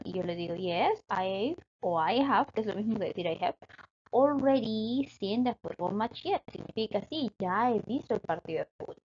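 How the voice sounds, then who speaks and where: A woman teaches a grammar lesson in a fairly high voice, explaining patiently and pausing to make sure her students follow. The recording is dull and lo-fi. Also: darkish tone, breathy edge. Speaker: English teacher.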